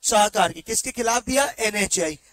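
Man, teacher, high-pitched, dry close sound, exam-prep lecture, quick check questions. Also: fairly bright tone, no echo. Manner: keeps quizzing students with quick check questions; mixes Hindi with slow English read-outs from the text.

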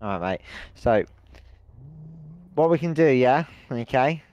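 A man's voice: medium pitch, lively intonation, slow, a little mellow, dry recording, dull audio. A British man playing a police negotiator in a game role-play, bargaining in a matter-of-fact, conversational way.

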